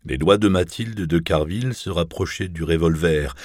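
Deep-voiced male audiobook narrator. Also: dry recording, studio quality. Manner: measured, even literary reading.

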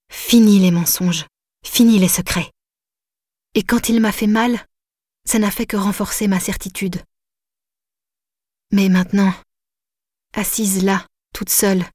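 A woman narrates a novel in the first person, quiet and intimate. She sometimes sinks into a breathy whisper. Her voice sits in the middle of the range, recorded close and dry. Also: mid-range voice, dry recording. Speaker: audiobook narrator.

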